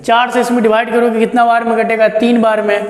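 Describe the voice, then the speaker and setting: A man's voice: very high voice, flat delivery, fast talker. A man teaching math who works through each step, asking questions and answering them himself in a chatty, encouraging way. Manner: explains step by step, asks and answers his own questions. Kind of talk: classroom lesson. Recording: echoey room with long reverb.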